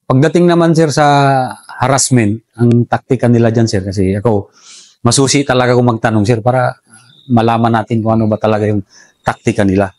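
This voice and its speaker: A man's voice: mid-range voice, steady tone, brisk, a little mellow, dry recording. Soldier guy telling war stories, says sir every other line, dry sound. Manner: respectful, says "sir" constantly. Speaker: soldier recounting enemy tactics. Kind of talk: casual interview storytelling.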